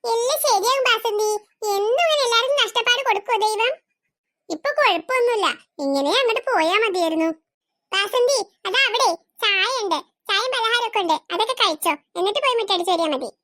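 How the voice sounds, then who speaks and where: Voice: extremely high pitch, lively intonation, fairly quick, pushed and bright, dry recording, clean studio sound, exaggerated voice. A performer voicing a kind but firm woman who runs the household, in a cartoon. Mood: motherly. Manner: firm, motherly. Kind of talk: cartoon voice acting.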